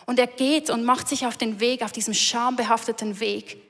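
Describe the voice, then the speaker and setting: A woman's voice: fairly high pitch, steady tone, normal speed, a bit bright. A woman preaching a sermon in an earnest, emphatic way, repeating key lines. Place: large church hall. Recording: reverberant church hall.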